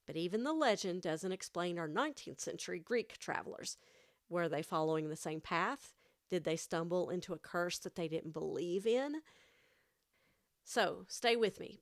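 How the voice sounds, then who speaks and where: A woman with a country accent, hosting her own podcast and narrating a scripted, hushed, dramatic mystery story into a studio mic. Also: fairly low pitch, no room sound. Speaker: podcast host. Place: home studio.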